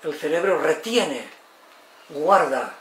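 An older man in his eighties from Spain lectures in a lively way and acts out the voices of people he tells about. His voice is high for a man and sounds distant from the mic. The room is echoey, with a faint hiss behind him. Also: takes it slowly. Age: 80s. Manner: expressive, tag questions, acts out quotes. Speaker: lecturer on psychology and education.

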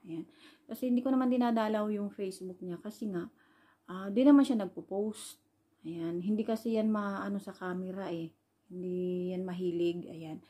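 At normal speed, a Filipino caregiver working overseas recounts a personal story for her vlog in a mid-range voice that is dark and breathy. She meanders casually, filling gaps with "ayan" and similar fillers while retelling dialogue as it was spoken.

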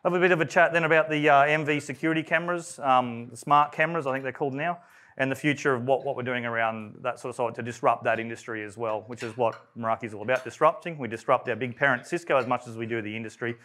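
A man with an Australian accent giving a technical presentation at a live event, talking in a conversational way with frequent fillers and restarts, in a voice he calls monotone. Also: mid-range voice, fast talker. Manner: self-described monotone. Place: event room.

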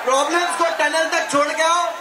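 A young man on stage with a handheld mic, shouting a speech and reciting poetry to his fans. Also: very high-pitched, fairly even intonation, brisk, heavy background noise. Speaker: comedian addressing fans. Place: large indoor fan event on stage. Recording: echoey hall, loud crowd, from far off.

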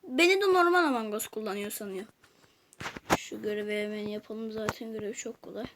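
A woman's voice: mid-range voice, fairly quick, heavy background noise. A woman giving casual gameplay commentary, chatting to viewers and muttering to herself as she plays. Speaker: gaming youtuber.

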